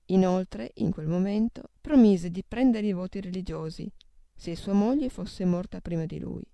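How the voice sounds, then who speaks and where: A woman reading devotional meditations aloud in a solemn, steady way, naming scripture references as she goes. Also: on the low side, normal speed, creaky, no room sound. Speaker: reader of devotional texts.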